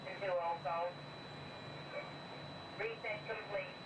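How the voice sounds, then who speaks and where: Male dispatcher, slightly high voice, clipped radio codes, heard over a two-way radio, roomy and distant. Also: steady tone, slow, background noise. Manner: terse, code-laden radio calls. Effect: heard over a two-way radio in the cab. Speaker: monorail central dispatcher. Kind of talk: clipped radio procedure talk.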